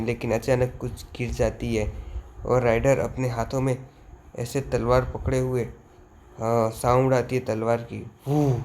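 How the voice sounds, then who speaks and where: A man casually retelling a manga story in a halting way, correcting himself as he goes. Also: medium pitch, slight background noise. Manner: flat, halting retelling with fillers and self-corrections. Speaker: manga explainer.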